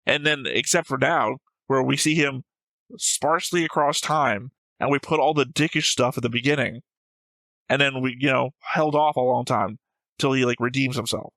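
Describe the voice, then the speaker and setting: Here a man co-hosting an anime reaction show talks at a moderate pace in a bright-ish, medium voice, captured dry and in poor quality. Going through comments, he analyzes them loosely, argues a bit, and swears casually.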